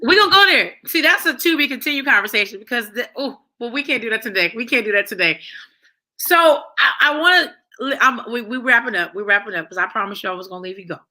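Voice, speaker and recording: Female host, bright forceful tone, loose rambling chat with viewers. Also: a little high, expressive, fast talker. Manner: rambling, repeats phrases while thinking aloud.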